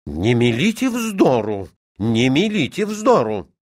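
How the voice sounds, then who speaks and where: A bashful young student tutor, polite and easily flustered, who stammers, voiced by a man reading a storybook. His voice rises and falls in a lively way. The recording is dry and close. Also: medium pitch, measured pace, no echo, pitched above the performer's own voice.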